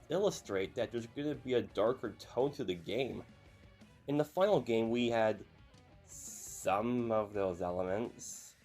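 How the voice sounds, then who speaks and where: A man in his early twenties hosts a YouTube video in a relaxed, chatty manner, throwing in apologetic asides. His youthful voice is medium-pitched with a darkish tone.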